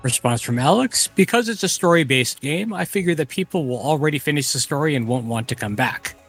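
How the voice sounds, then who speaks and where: A man's voice: on the high side, animated, a little fast, a bit bright, slightly rough, faint music behind. A man co-hosting a podcast, reading a guest's typed comments aloud and adding brief remarks. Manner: reads messages aloud, then adds short remarks. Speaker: co-host reading out a developer's chat comments. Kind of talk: casual podcast chat.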